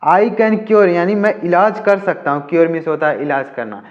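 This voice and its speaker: Guy teaching english off a story, reads it slow then explains each word fast in hindi, kinda high voice, muffled lo-fi sound.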